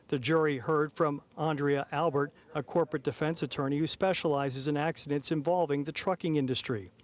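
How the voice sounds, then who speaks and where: A man giving a live courtroom news report as a TV reporter, with a measured, formal broadcast delivery. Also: a little high. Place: outdoors outside a city courthouse. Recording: live outdoors on an urban street.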